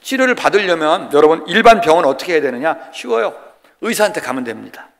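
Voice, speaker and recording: An older man in his sixties preaches to his congregation with a lively, swooping delivery and a gravelly edge to his voice. He is a pastor from the Chungcheong region with a folksy, joking manner, and he keeps putting questions to his listeners. His voice rings out with the long reverb of a church hall. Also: fairly high pitch, fast talker. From Korea, Chungcheong region. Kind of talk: sermon. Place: church sanctuary.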